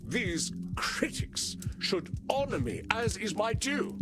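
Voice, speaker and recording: A man's voice: high voice, very animated, takes it slowly, heavily acted. A man voicing a vain, easily wounded vampire thespian in a video game, declaiming grandly like a hammy stage actor. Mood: haughty. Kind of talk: theatrical video game character acting. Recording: music behind the voice.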